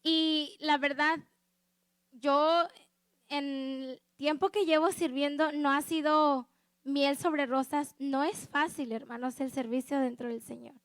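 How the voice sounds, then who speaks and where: High-voiced woman preaching a testimony sermon. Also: fairly even intonation, slow, dry recording. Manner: earnest and conversational, keeps asking listeners for agreement. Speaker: lay preacher at a church service.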